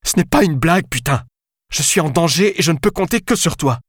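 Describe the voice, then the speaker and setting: A man's voice: on the low side, fairly quick, dry recording, studio quality, natural voice. A man reading an audiobook, voicing a panicked young female police detective who talks urgently and snaps at people. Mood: desperate. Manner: urgent, desperate, snapping.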